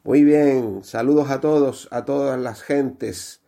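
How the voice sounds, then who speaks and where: Guy firing off jokes one after another, does little voices for the characters, plain middle-pitched voice. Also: fairly even intonation, vocal fry, warm tone. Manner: rapid-fire storytelling that voices the characters. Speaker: joke teller. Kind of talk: telling a string of jokes.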